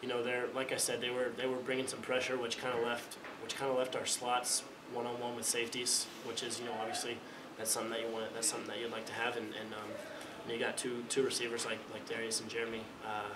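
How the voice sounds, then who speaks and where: Young male athlete, rapid flat delivery, restarts phrases constantly; roomy press room, mic at a distance. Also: medium pitch. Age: young adult. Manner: halting, repeats words as he restarts phrases. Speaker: college quarterback. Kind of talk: postgame press conference answers. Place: press conference room, indoors. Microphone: table mic in front of him. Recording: echoey room, distant mic, background noise.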